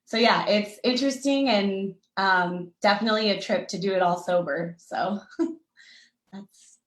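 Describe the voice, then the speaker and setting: A woman's voice: medium pitch, measured pace, a bit bright, roomy sound, rough recording. A woman speaking on an online recovery panel, chatty and rambling with lots of fillers. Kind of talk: casual panel conversation.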